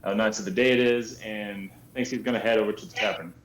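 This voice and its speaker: A man's voice: on the low side, fairly even intonation, fast talker, fairly bright tone. A man playing a tabletop game, describing his character in a hesitant, easygoing way. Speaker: player. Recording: roomy with faint background noise.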